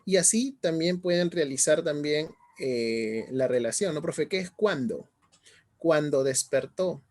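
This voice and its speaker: A man's voice: fairly high pitch, expressive, measured pace, a little mellow. A middle-aged male teacher giving an online class, often asking students questions and checking in as he explains. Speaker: language teacher.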